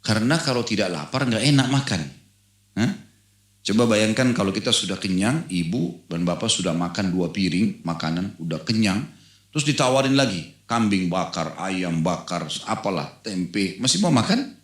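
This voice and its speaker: Low-voiced male preacher, echoey room. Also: moderate pace. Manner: animated storytelling, acts out a dialogue in the anecdote; asks the audience questions. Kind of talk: Islamic sermon.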